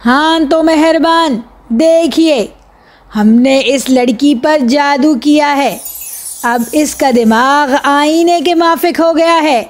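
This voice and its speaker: A woman voicing a boy who plays a street magician, with slow showman patter in broken grammar. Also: high-pitched, pitched above the performer's own voice, natural voice. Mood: showy.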